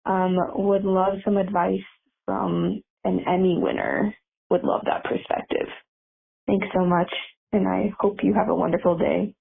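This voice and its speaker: A woman's voice: mid-range voice, steady tone, a little slow, creaky, slightly rough. A woman caller leaving a voicemail over a phone line, speaking politely and hesitantly with many ums as she asks for advice. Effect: heard over a phone line.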